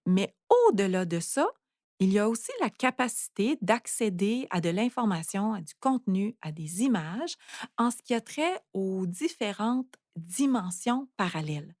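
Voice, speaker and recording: Woman, podcast host, reflective, frequent fillers, mid pitch, dry close sound. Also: animated, a little slow, a little mellow, no room sound. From Canada. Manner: reflective, many fillers and restarts. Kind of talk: calm explanatory monologue.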